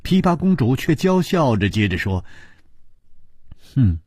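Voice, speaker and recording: A man narrating a martial-arts romance as a storyteller, expressive and drawn out. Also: medium pitch, normal speed, husky, no echo, studio quality.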